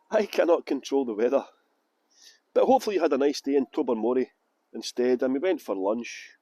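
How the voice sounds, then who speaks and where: A warm, high-voiced tour guide from Edinburgh, Scotland, gives jokey, playful commentary with mock pronunciations to a group outside by a canal boat lift. He has a Scottish accent, and the recording is dry.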